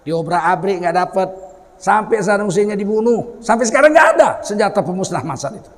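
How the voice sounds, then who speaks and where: A middle-aged man delivers a lively sermon. He mocks and acts out the people he describes. His voice sits a little high and rings with a long hall reverb. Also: a little fast. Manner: animated, mocking, acts out quoted people. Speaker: preacher.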